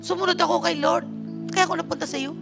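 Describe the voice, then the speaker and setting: Woman, middle-aged, from the Philippines, pastor, sermon, storytelling, mixes in English, high voice, music behind. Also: steady tone, fast talker, gravelly. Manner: storytelling preacher, switching freely into English phrases. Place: church worship service.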